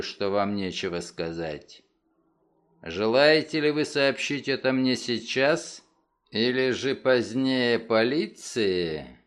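A man reading an audiobook, voicing a calm, cunning detective who speaks in a measured, persuasive way. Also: mid-range voice. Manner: measured, unhurried, coolly persuasive.

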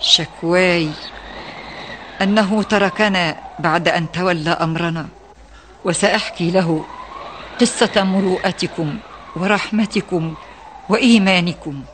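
A woman's voice: lowish voice, unhurried, long pauses, natural voice. An actress playing a poor mother of hungry children who speaks plaintively in a radio drama. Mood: reproachful. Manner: plaintive, reproachful. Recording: noisy old radio recording.

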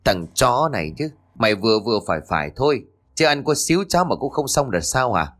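A cruel, scheming stepmother snaps and scolds in a harsh, lively voice, as a man narrating puts her on. Her pitch jumps around freely as she talks. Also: brisk. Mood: scolding.

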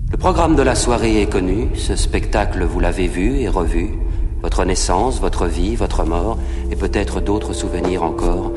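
Solemn low-voiced man reading poetry. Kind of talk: dramatic poetic reading.

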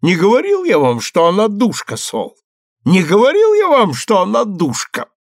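A man's voice: sits high, huge pitch swings, normal speed, no room sound, clean studio sound, voice pushed up, full character voice. A man doing a gushing, jolly producer. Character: jovial middle-aged male theatre producer, fawning.

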